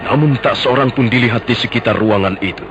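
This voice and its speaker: A man narrating a scripted radio drama with measured, dramatic storytelling. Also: medium pitch. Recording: dull lo-fi radio recording. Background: prominent music.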